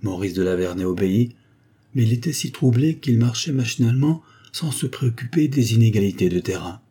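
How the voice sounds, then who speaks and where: A man narrating a classic novel as an audiobook, in a steady, measured reading. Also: medium pitch, husky. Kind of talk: scripted narration.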